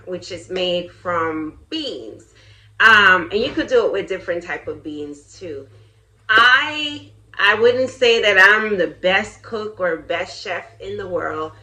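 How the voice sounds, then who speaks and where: A woman's voice: medium pitch, sharp tone. A middle-aged woman from Jamaica hosting a casual cooking vlog, chatty and candid, laughing often as she talks. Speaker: vlogger, channel host.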